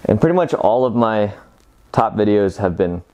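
A man in his thirties talking casually to camera as a fitness vlogger during a workout, informal and halting between efforts. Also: on the low side, animated, a little mellow. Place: home gym room, indoors.

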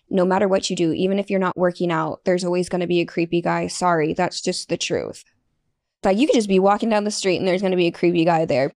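A woman's voice: mid-range voice, smooth. A young woman hosting a podcast, talking candidly and bluntly in a casual chatty way. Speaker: podcast host. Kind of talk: casual solo podcast talk.

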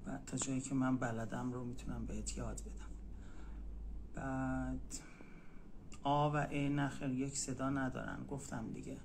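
A man teaching a language in a casual live stream, patiently repeating words slowly. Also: medium pitch, little pitch movement, noisy background.

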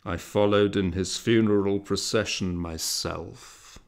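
A man voicing a menacing male demon in a hollow, booming voice, slow and threatening in a read-aloud story. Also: fairly even intonation. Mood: menacing boast.

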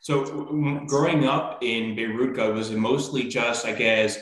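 A man's voice: mid-range voice, measured pace, fairly bright tone, roomy sound, poor audio. A man in his thirties hosting a business interview show, upbeat and polite, guiding his guest with questions. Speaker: host. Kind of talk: interview hosting over video call. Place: small room with bare walls.

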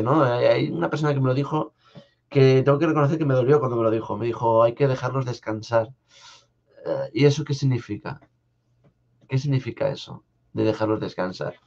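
A young man from Spain hosting a live stream from a home studio, talking in a soft, halting way with many restarts as he answers viewers. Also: mid-range voice, vocal fry. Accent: Spanish from Spain. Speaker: live-stream host reading viewer comments. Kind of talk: casual live chat. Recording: slightly dull lo-fi stream audio.

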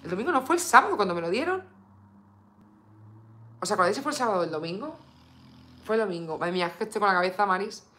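Woman from Spain, casual live stream chat, bright voice, lots of fillers. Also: medium pitch, expressive, fast talker, long pauses. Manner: chatty, lots of fillers, reads viewer comments aloud; coos baby talk at her dog. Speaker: beauty vlogger live streaming.

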